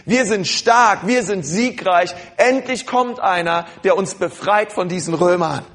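High-voiced German-speaking preacher. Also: male voice, unhurried. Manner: addresses congregation directly, calls for responses; shifts into quiet prayerful tone at times. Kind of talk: sermon.

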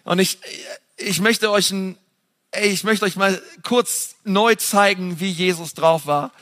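A man preaching a sermon, passionate and emphatic, talking straight to his listeners in a casual way and swinging between loud and soft. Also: sits high, fairly even intonation, slow pace. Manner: casual, direct address to the audience.

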